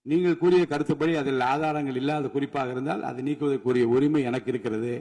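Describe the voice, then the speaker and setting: A man presiding over a legislative assembly, giving formal procedural rulings in a measured, authoritative way. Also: medium pitch, steady tone, dark tone, big-room sound.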